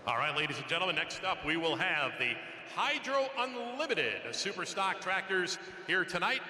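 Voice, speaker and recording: A man announcing a tractor pull lineup over an arena PA, with showy, drawn-out introductions. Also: high-pitched, animated, sharp tone. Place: large indoor arena. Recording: echoey arena PA with noise.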